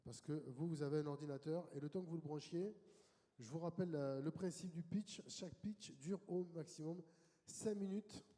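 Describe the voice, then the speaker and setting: A man moderating a conference session, introducing speakers in a lively, welcoming way. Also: fairly high pitch, normal speed. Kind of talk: event moderation. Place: conference hall. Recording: conference hall reverb.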